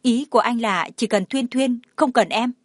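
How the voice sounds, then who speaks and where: A woman's voice: fairly high pitch, normal speed, dry recording, studio quality, voice pushed up, close to an everyday voice. A woman voicing an emotional young wife who speaks in an urgent, imploring way. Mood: pleading.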